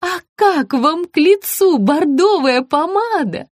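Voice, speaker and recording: A woman's voice: very high-pitched, animated, slow pace, no echo, clean studio sound, pitched above the performer's own voice, full character voice. A woman voicing a gushing, fussy woman who showers someone with exclamations, in an audiobook reading.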